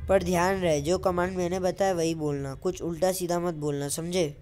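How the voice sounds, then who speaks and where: A woman voicing a brash, bossy young male superhero in a comic voice-over dub, exasperated and quick to lecture. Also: lowish voice, steady tone, warm tone, a little hiss or hum, close to an everyday voice. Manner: exasperated, lecturing, hot-tempered.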